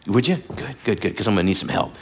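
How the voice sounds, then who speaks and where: A male pastor delivering a lively sermon, sometimes acting out the lines he quotes. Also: lowish voice, fast talker, creaky, noisy background. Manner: animated, acts out voices and quotes. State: bad back.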